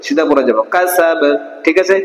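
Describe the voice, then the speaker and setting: A man teaches Quran reading online in a slightly high, steady voice, using question-and-answer drilling where he answers himself and reciting verses slowly, one syllable at a time. Reverberation from a large hall and poor audio mark the recording.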